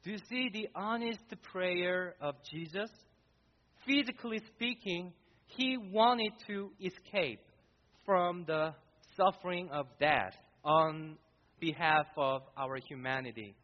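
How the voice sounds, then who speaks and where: A man's voice: sits high, in a large hall, dull audio. A man preaching a sermon in a church, earnestly addressing his congregation. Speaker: pastor. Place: church sanctuary.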